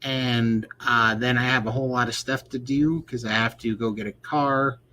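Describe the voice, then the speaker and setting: A man's voice: medium pitch, steady tone, normal speed, bright, forceful tone, slight background noise. A man co-hosting a casual livestream chat, rambling and laughing often. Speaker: livestream co-host.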